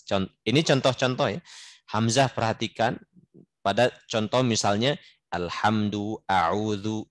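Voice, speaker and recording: A man's voice: on the low side, dry recording. A man teaching a recitation class, reading classical verse and translating it line by line, drawing out example sounds to model pronunciation and often stopping to correct himself. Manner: reads Arabic verse, then translates and explains it line by line. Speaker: Islamic religious teacher. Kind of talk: recitation class explaining a classical Arabic poem.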